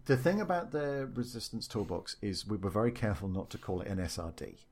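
A man's voice: lowish voice, animated, fast, darkish tone, husky. A man talking casually about the game he designs, with many fillers and restarts. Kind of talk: casual interview chat.

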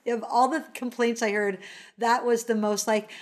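A woman telling a casual, animated anecdote, acting out the quoted voices and using lots of fillers. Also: on the high side, normal speed. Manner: frequent fillers like "like". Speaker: storyteller.

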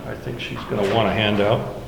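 A man's voice: fairly low pitch, little pitch movement, fairly quick, vocal fry, noisy background. A man leading a Bible study, explaining verses one by one in a conversational way. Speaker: Bible teacher. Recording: echoey hall with faint ambience.

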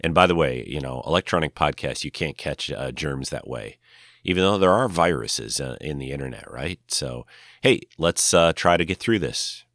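An older man with a nasal, congested voice, tired from a cold, talking casually and haltingly as he hosts a solo podcast. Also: extremely low pitch, expressive, a bit bright, no echo, clean studio sound. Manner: halting, rambling. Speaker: podcast host.

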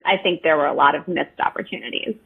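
A woman in her thirties, a podcast guest, talking in an animated, self-deprecating way. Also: deep voice, quick pace, creaky, slightly rough. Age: 30s. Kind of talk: casual podcast chat. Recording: tinny phone-like line.

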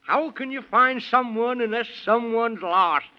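A man's voice: very high-pitched, unhurried. A man playing a fussy, scatterbrained Man in the Moon who gets flustered and repeats himself, in a 1930s children's radio serial. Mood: scolding, chuckling. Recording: dull, muffled 1930s radio recording.

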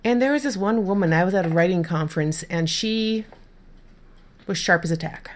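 A woman's voice: lowish voice, normal speed. Chatty self-deprecating woman telling a story. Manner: self-deprecating storyteller, repeats words when starting sentences. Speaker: podcast co-host. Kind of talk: casual chat.

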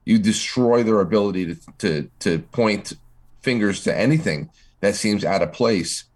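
A man's voice: fairly low pitch, normal speed, darkish tone. A man co-hosting a casual political talk show, stammering and restarting as he gets worked up. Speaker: podcast co-host.

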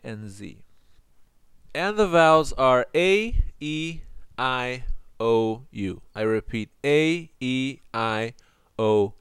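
A male teacher explains grammar in an unhurried, patient way. His voice is smooth and clear at a middle pitch. The recording is dry and close, with no room sound. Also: no room sound. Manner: explains in Spanish, reads English examples slowly and carefully. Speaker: English teacher. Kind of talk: recorded online lesson.

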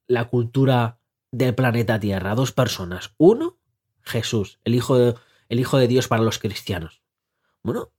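A man with a slightly husky voice talks through a casual podcast monologue. He coaches listeners in a lively, conversational way and keeps asking rhetorical questions. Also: medium pitch. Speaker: life coach and podcast host.

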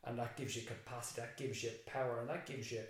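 Recorded in a very echoey room, an Irish man who teaches secondary school talks as an interview guest. His medium-pitched voice is steady and fast, and he thinks aloud reflectively, rambling with frequent restarts.

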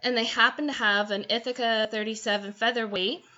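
A woman chatting casually, telling an animated story and quoting people as she goes. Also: fairly high pitch, a little fast. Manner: animated storytelling with quoted voices. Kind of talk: casual chat. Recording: dull lo-fi sound.

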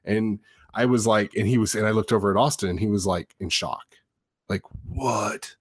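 A man co-hosting a podcast, telling a rambling, animated story about his kid with lots of restarts. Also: fairly low pitch, quick pace, slightly rough, no room sound, clean studio sound. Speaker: podcast co-host; father. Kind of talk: casual podcast chat.

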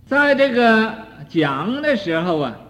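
Older man giving a slow, lively Buddhist lecture. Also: sits high. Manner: slow, drawn-out delivery with frequent "ah" fillers, swinging between soft and loud. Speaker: Buddhist teacher. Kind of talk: dharma lecture on a sutra commentary. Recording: dull archival recording in a reverberant hall.

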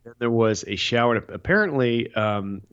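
A man's voice: medium pitch, animated, moderate pace, a bit bright, clear, resonant tone, dull audio. A man co-hosting a casual chat, joking dryly and rambling through his stories. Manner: dry, joking, rambling with restarts. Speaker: podcast co-host. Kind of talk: casual chat about a reality dating show.

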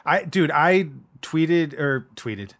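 A man hosting a casual gaming podcast, talking in an animated, opinionated way and often restarting his phrases. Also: a little high, takes it slowly. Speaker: podcast host.

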